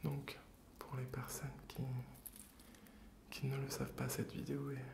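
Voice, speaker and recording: A man hosting ASMR in a gentle, hesitant whisper, very close in the ear on binaural microphones. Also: mid-range voice, monotone, a little slow, creaky, noisy background. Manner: gentle, soft-spoken. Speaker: ASMR video host. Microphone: close binaural stereo microphones.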